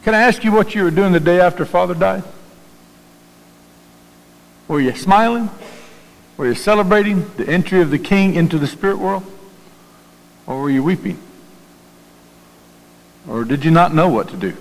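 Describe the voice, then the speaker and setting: A man's voice: high-pitched, animated, normal speed, long pauses. A man with a Southern US accent preaching a sermon in a conversational way, often repeating words and putting questions to his congregation. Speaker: pastor. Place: church sanctuary. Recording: long hall reverb in a church.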